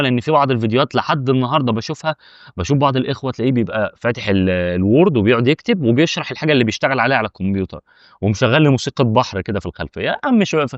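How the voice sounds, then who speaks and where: A man with an Egyptian Arabic accent hosting a casual explainer, talking fast and arguing back at objections he imagines from his viewers. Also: medium pitch, no echo, dull audio. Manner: rapid, chatty, argues with imagined viewer objections. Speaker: YouTube tutorial host. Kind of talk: casual direct-to-camera explainer.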